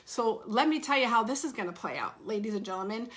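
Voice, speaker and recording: Fired-up woman, slightly high voice. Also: lively intonation, fast, a bit bright. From Oregon. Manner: earnest, heated and frustrated, with many fillers and restarts. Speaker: congressional candidate. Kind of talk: campaign livestream address. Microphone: livestream device.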